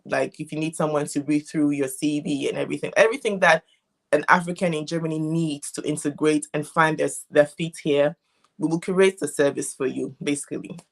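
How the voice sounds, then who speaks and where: A woman's voice: low voice, steady tone, vocal fry. A middle-aged woman from Ghana, a legal interpreter explaining things as a guest on a live video call. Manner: explanatory, unhurried with frequent restarts. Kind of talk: casual interview. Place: home in Germany.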